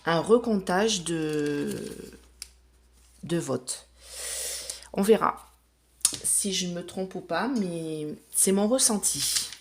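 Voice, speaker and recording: A woman's voice: lowish voice, very slow, long pauses, slight background noise. A woman chatting casually to camera as she lays out runes and cards for a reading, explaining each step with plenty of fillers. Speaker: psychic reader.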